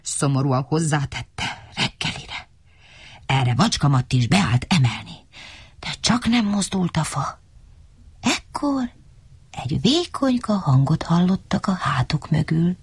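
A woman telling a children's story with a lively, swooping pitch. Her voice is a little husky, and she plays with sound effects and voices as she reads. The recording is dry and close. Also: no echo.

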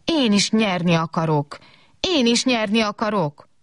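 A woman's voice: mid-range voice, animated, no echo, clean studio sound, voice pushed up, close to an everyday voice. A woman voicing a small, impatient robot who whines and insists on winning, in a storybook reading. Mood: whining. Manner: whining, insistent.

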